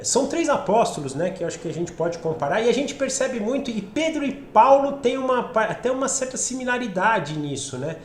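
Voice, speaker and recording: A man with a Brazilian Portuguese accent teaching a Bible study, talking with a cold that leaves his voice a bit rough, often checking in with his listeners. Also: high-pitched, a little hiss or hum. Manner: conversational, asks listeners along, frequent "né?". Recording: roomy echo.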